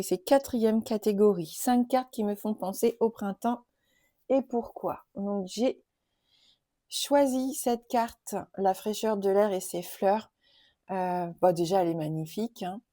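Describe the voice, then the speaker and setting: A woman presenting oracle and tarot cards in a casual video, chatty and gentle, with many fillers. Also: mid-range voice, no room sound, clean studio sound. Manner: gentle, enthusiastic about nature and cards. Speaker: tarot and oracle card youtuber. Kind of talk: casual card-showing tag video.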